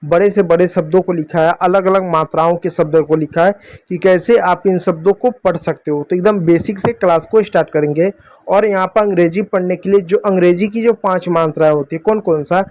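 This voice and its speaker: A man's voice: high-pitched, steady tone, brisk, darkish tone, no room sound. A man teaching English basics to children, patient and repetitive, often calling out to the kids. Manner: patient, repeats points, addresses kids often. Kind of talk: classroom lesson for kids.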